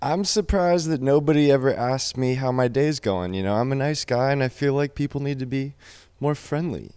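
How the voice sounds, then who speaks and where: A man's voice: medium pitch, moderate pace, darkish tone, clear, resonant tone. A man in a band answering interview questions thoughtfully, with hesitations and fillers. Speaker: band member.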